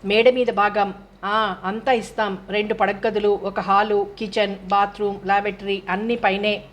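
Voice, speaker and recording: A woman voicing a fussy older housewife who shouts into the phone as she talks up her house. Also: mid-range voice, level tone, moderate pace, close to an everyday voice. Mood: loud, eager.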